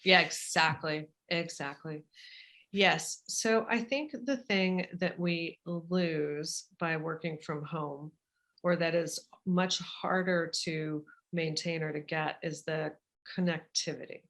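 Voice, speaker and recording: A woman guest speaking over a video call, animated and emphatic, often repeating words to stress a point. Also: deep voice, slow pace. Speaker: guest, business author. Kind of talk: casual interview chat.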